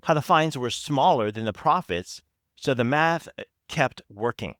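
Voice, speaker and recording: A man hosting a podcast, giving scripted investigative narration in a measured, reflective way with deliberate emphasis. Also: medium pitch, lively intonation, fairly bright tone, no room sound. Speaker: podcast host.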